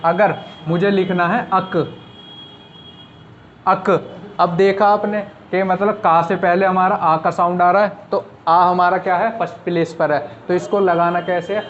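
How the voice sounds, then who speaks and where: In a classroom-style lesson at a board, a man teaches shorthand, patiently repeating each rule step by step. His high voice moves little in pitch and runs a little slow. The lo-fi recording sounds slightly dull, with faint noise.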